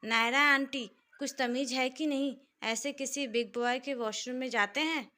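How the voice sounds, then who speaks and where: A woman voicing an angry young husband who shouts indignantly in a spoken story. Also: sits high, fairly even intonation, normal speed, pitched above the performer's own voice.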